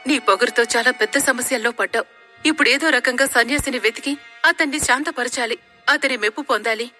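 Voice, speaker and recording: A woman's voice: on the high side, brisk, bright, forceful tone, faint music behind. A woman voicing a devout village priest scolding his daughter in a stern, admonishing way.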